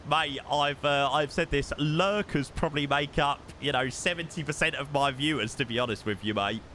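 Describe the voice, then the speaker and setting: British male flight-sim streamer: bright, forward voice, chatty and matey, faint vehicle noise behind. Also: fairly high pitch, moderate pace. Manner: matey, chatty, repeats words and phrases. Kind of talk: casual livestream chat and flying commentary.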